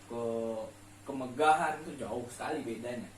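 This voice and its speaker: The main speaker on a late-night discussion show, a man with a medium-pitched voice at a moderate pace, casually explains ideas about faith and life, posing rhetorical questions and repeating key words for emphasis. The audio has a roomy echo, a distant mic and faint noise.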